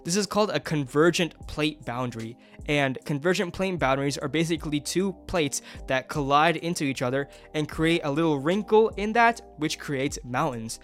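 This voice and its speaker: A man's voice: on the high side, brisk, hardly any pauses, faint music behind. A young man vlogging a mountain hike, enthusiastically explaining geology and nature outdoors. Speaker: travel vlogger. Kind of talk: educational hiking vlog.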